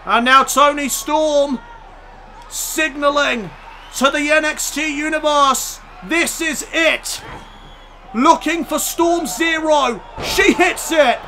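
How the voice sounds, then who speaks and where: A man with a very high, bright voice shouts dramatic wrestling play-by-play over a game, his voice straining from the effort. He calls the action at an unhurried pace. A faint arena crowd murmurs behind him. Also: a little hiss or hum. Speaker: YouTube gaming commentator.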